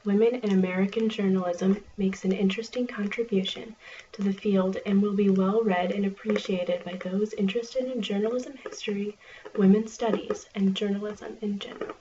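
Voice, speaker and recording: A woman doing an ASMR role-play as a friendly, chatty small-town librarian, speaking in a soft, murmured library soft voice. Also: medium pitch, steady tone, moderate pace. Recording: distant, muffled, clearly noisy recording.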